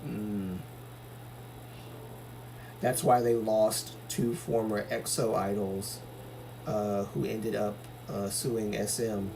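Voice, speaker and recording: The speaker is an Algerian man running a livestream, going through viewer comments and giving opinions in a loose, filler-heavy way with restarts. His lowish, creaky voice is flat and slow, broken by long pauses, with background noise present.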